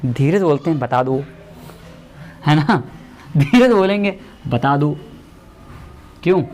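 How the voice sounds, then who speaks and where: A man's voice: fairly high pitch, expressive, a little slow, darkish tone, slight background noise. A male teacher giving a classroom grammar lesson, explaining step by step and quizzing the class.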